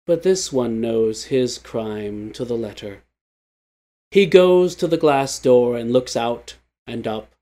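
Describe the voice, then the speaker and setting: Man, literary story narration, very slow pace, measured, somber. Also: medium pitch, expressive, dark tone.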